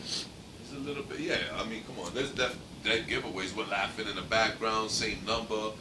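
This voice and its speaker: A man's voice: lowish voice, steady tone, moderate pace. Laid-back man, far from the mic. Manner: laid-back, profane, gleeful prankster. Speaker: podcast co-host. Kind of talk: casual chat. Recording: echoey distant mic with background noise.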